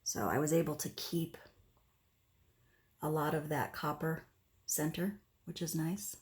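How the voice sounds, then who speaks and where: A woman casually talking through a hands-on craft demonstration step by step, in an unhurried way. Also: deep voice, steady tone, darkish tone. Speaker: host of an acrylic pour painting tutorial. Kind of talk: casual craft demonstration, narrating as they work.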